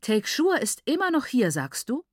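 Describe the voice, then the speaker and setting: A woman's voice: high-pitched, sing-song, moderate pace, no echo, studio quality, pitched above the performer's own voice. A woman reading the lines of a stern older man who heads the family, speaking in a commanding, questioning way. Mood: shocked.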